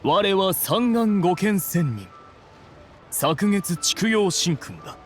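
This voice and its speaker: A man's voice: sits high, big pitch swings, slow pace, heavily acted. A man voicing an imperious, composed ancient immortal in human guise for an anime game, with old-fashioned grandiose wording. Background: faint music.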